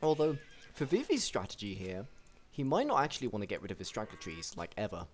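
A young man casually commentating a strategy game match, chatty and excitable, with frequent restarts. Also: lowish voice, fast, a little hiss or hum. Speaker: game caster.

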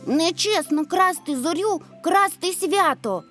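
A woman's voice: extremely high pitch, animated, a little slow, soft background music, pitched above the performer's own voice. A woman voicing an eager, brave young boy in a storybook tale. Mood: eager earnest. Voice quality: bright, eager.

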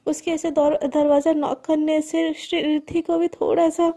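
A woman's voice: high-pitched, little pitch movement, moderate pace, mellow. A woman telling a serialized love story in a conversational, intimate way.

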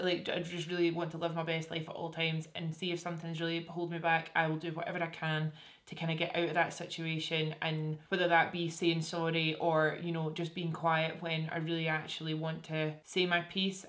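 A young woman speaks in a broad Scottish accent with a slightly low pitch. She chats informally and frankly, with a jokey streak, as a beauty YouTuber talking while doing her makeup. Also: fairly bright tone. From Scotland. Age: young adult. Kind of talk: casual chatty vlog while doing makeup. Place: indoors, small room with curtain backdrop.

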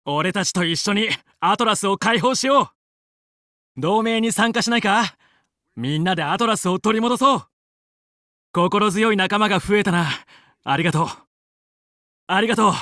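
A man's voice: high-pitched, normal speed, long pauses, sharp tone, no echo, studio quality. A male actor playing a confident, heroic young fox who leads a team of space pilots in a video game, with cool, resolute, clipped delivery. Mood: confident, assured. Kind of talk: Japanese video game battle voice lines.

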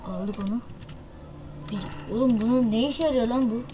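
A woman narrates her mobile shooter matches live, reacting with sudden loud exclamations and teasing, slangy remarks to her viewers. Her voice sits on the higher side. A faint background hiss runs under the talk. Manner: excitable, loud outbursts and quick exclamations; slangy, self-mocking banter with viewers. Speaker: gaming channel host.

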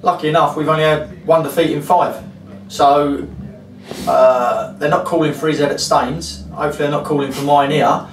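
Football manager, 40s, frank and rambling, distant mic in an echoey room. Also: male voice, a little high, fairly even intonation, moderate pace, faint music behind. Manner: frank, rambling, many fillers. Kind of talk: post-match interview. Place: club interview room, indoors. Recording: roomy echo, distant mic, faint hiss.

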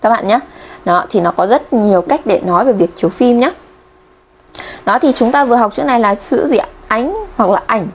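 A woman's voice: a little high, normal speed, slight background noise. A woman from Vietnam teaching Japanese kanji on a live stream, chatty and checking in with viewers constantly.

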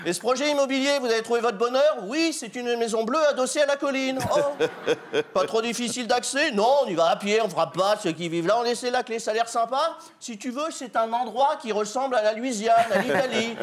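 A man's voice: extremely high pitch, a little fast. A man performing a comic monologue on stage, telling a story and voicing the people in it. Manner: storytelling, voicing characters in dialogue. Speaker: comedian. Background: audience laughter.

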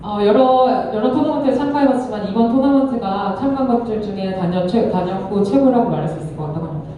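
A woman's voice: fairly high pitch, quick pace, mellow, slight background noise. A woman working as a consecutive interpreter, speaking hesitantly and correcting herself as she goes. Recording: very echoey hall, distant microphone.

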